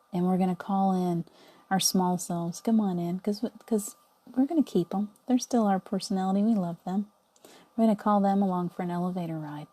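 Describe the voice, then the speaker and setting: A middle-aged woman with a lowish voice guides a visualization meditation. She is soothing and coaxing, frequently dropping into a soft whisper.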